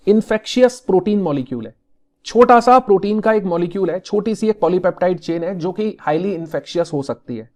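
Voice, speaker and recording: A man teaching an exam revision lesson, lively and direct, who asks questions and answers them himself. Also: sits high. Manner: animated, talks straight to students, calls them beta.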